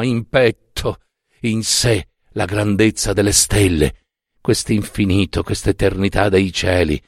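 A man's voice: lowish voice, dry recording, studio quality. A man voicing an indignant young male professor who scolds and mocks with emphatic reproach.

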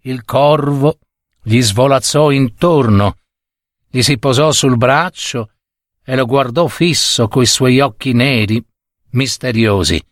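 A man narrating a story in a measured, deliberate reading voice. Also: medium pitch, no echo, studio quality.

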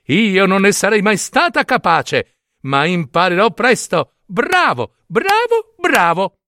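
A haughty young princess with a high, shrill voice that swoops up and down as she mocks and dismisses people, as a male storyteller puts her on. She sounds imperious and scornful. The sound is close and dry, with no room around it. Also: animated, unhurried, pushed and bright, no room sound, exaggerated voice. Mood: amused.

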